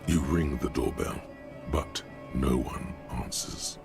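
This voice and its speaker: An actor playing the ominous, wry inner narrator of a detective video game, speaking in a deliberate, dramatic, dry way. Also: male voice, extremely low pitch, steady tone, full character voice. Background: music.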